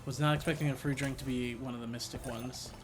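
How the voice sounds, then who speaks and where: A man's voice: mid-range voice, fairly even intonation, quick pace. A man streaming a video game with casual live commentary, thinking aloud in short reactions. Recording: music behind the voice.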